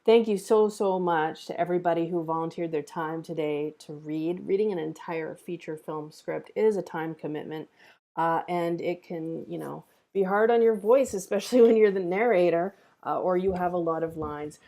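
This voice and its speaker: At a normal speed, a woman with a warm, lowish voice gives casual, encouraging feedback and appreciation at an online script table read she hosts, then signs off the stream.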